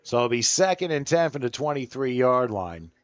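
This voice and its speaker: A man calling play-by-play for a football game, building excitement as the plays unfold. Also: medium pitch, moderate pace, dry recording, muffled recording. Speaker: play-by-play announcer. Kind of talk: sports play-by-play commentary.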